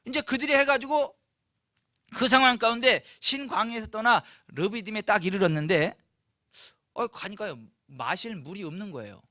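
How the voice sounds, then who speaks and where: A man's voice: high voice, moderate pace, sharp tone, no room sound, studio quality. A male pastor preaching a sermon at a church service, emphatic and full of rhetorical questions. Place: church, Friday night service.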